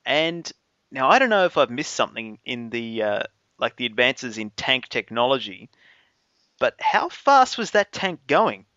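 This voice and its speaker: A man in relaxed film chat, asking questions with many fillers. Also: mid-range voice, a little slow, no echo, muffled recording. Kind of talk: casual film discussion.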